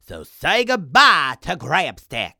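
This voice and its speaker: A theatrical alien sidekick who believes he is the finest actor in the universe, voiced by a woman. He speaks in a grand, bossy way, with a bright tone and a pitch that swoops up and down. It is a lively children's audio drama character. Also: takes it slowly, creaky, no echo, clean studio sound, exaggerated voice. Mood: grandiose. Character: pompous alien sidekick who thinks he's a great actor.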